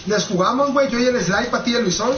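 Young man, high voice, crude teasing banter, echoey dull recording, noisy background. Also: quick pace, music in the background. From Mexico. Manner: teasing, crude, repeats questions. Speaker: streamer commentating a fighting game match. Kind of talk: rowdy casual banter. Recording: roomy, dull sound with clear background noise.

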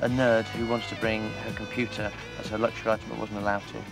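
Guy pitching his film idea, umms a lot, music playing clearly behind. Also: flat delivery, quick pace. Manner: casual, hesitant with fillers. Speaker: interviewee.

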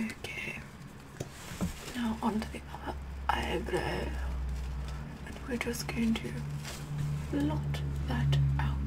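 A woman playing a vain, bossy Tudor queen in a slow, breathy whispered ASMR makeup role-play. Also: fairly high pitch, heavily acted, rough recording. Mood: patient, bossy. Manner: slow, haughty, deliberate, repeating phrases.

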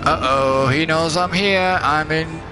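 A young man giving let's play commentary, muttering, swearing and getting excitable as he plays. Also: fairly high pitch, takes it slowly. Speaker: gaming commentator. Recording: game music loud behind voice.

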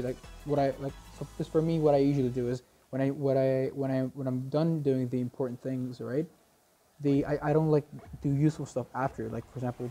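A young man talks in a casual gameplay commentary, nervous and stuttering as he restarts his phrases. His voice is very dark and mellow at a middling pitch. Faint music plays behind him. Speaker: vlogger.

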